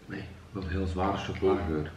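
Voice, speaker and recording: A man's voice: sits low, steady tone, normal speed, a little mellow. A man in his thirties with a Flemish accent giving casual tasting comments at a table indoors. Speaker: family vlog participant. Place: indoor room at home, around a table. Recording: echoey room, clear background noise.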